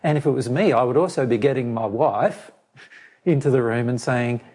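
A spiritual teacher with a mid-range, husky voice and darkish tone is losing his voice while answering a personal question at length for a listener. His pace is measured, and he keeps repeating and restarting phrases.

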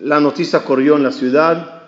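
A male rabbi giving an animated sermon, asking the audience questions and acting out the lines of a story. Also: a little high, moderate pace. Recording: dull, echoey hall recording.

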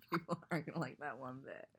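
A woman's voice: rumbling low, a bit bright, a little hiss or hum. A woman co-hosting a casual podcast and reading listener emails aloud, her voice stuffed up from allergies. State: congested from allergies. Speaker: podcast co-host.

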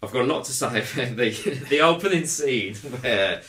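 A man co-hosting a film podcast, talking in a rambling, animated way and laughing often. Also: mid-range voice, moderate pace. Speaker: podcast co-host. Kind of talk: casual film review chat. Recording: roomy echo.

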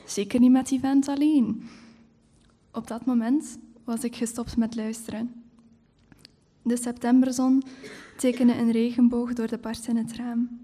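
Woman author, stage reading of her own prose, fairly high, mellow tone. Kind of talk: live literary reading. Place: stage at a live event.

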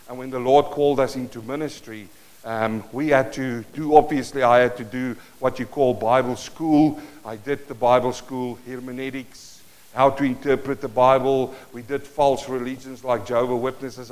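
A South African pastor with an Afrikaans accent and a medium-pitched voice preaches to his congregation, telling a personal story with animated bursts. He moves around the stage, so his worn or handheld mic cuts in and out.

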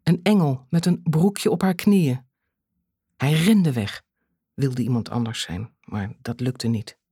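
Narrator for a dark thriller audiobook: husky tone, lively pitch, measured delivery with dramatic pauses, dry close sound. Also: no echo.

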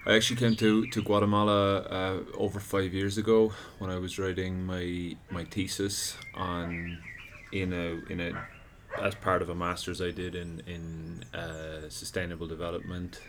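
A man's voice: low voice, little pitch movement, normal speed, few pauses. An Irish man in his thirties, a podcast guest chatting casually on an outdoor deck, rambling with restarts. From Ireland. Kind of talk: casual chat. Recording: noisy outdoor background.

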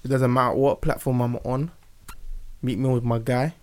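A man's voice: mid-range voice, level tone, normal speed, smooth. A man hosting a casual chat with friends, laid-back and steering the topics. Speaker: podcast host.

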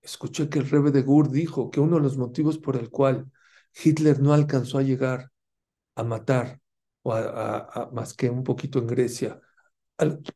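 Fervent male preacher, mellow voice. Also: medium pitch, fairly even intonation, moderate pace. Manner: fervent, rhetorical questions to listeners; mixes Hebrew terms into his talk. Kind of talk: Torah lesson.

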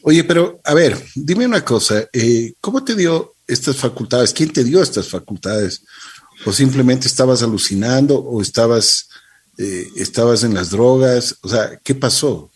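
Husky man asking skeptical questions. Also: mid-range voice, animated, a little slow. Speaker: interviewer. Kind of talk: interview questions.

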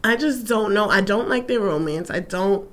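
A woman's voice: medium pitch, normal speed, a bit bright. A woman co-hosting a podcast in casual chat, chatty and opinionated, laughing often. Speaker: podcast co-host.

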